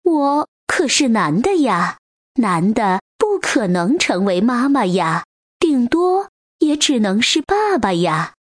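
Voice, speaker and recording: A woman's voice: a little high, big pitch swings, slow, no echo, clean studio sound, exaggerated voice. A woman voicing a male tyrannosaurus in a children's storybook, a bewildered new father who stammers and sounds flustered.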